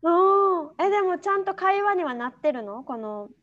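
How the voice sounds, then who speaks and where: A young woman with a high voice chats casually as a podcast co-host, telling animated stories and laughing often. The sound is dull and lo-fi. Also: moderate pace. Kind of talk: casual chat.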